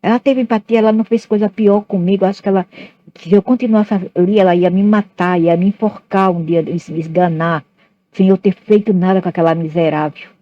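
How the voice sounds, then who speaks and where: A woman rants bitterly through a personal monologue, hurling insults as she goes. Her voice sits at a middling pitch. The recording is muffled and lo-fi. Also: fairly even intonation, a little fast, dry recording. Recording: dull lo-fi recording.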